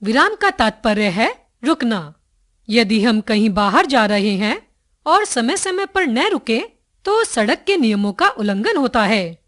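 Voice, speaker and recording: A woman reading a grammar lesson aloud in a slow, deliberate, scripted way with careful pauses. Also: fairly high pitch. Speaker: textbook narrator.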